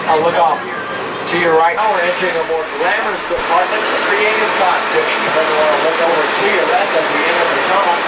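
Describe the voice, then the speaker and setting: A studio tour guide rolls through a well-worn memorized spiel, pointing out sights with the odd stumble. The voice sits far from the microphone, captured on an old VHS home video tape. A loud engine drone runs under every word. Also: mid-range voice, heavy background noise. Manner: steady memorized spiel with small slips. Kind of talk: recited tour narration. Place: open tram touring an outdoor studio backlot.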